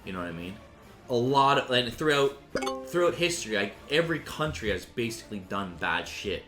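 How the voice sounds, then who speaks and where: A man's voice: mid-range voice, sing-song, brisk, sharp tone. Male gaming commentator, loose and profane, roomy room sound with faint background music. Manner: profane, rambling, restarts sentences. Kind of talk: casual rambling commentary.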